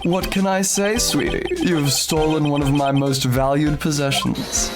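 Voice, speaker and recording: A man voicing a flamboyant, vain stage magician with theatrical, smooth-talking patter for a video game. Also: fairly high pitch, steady tone, over loud music. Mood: flirtatious, smug. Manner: showy magician patter, drawn-out exclamations, condescending endearments.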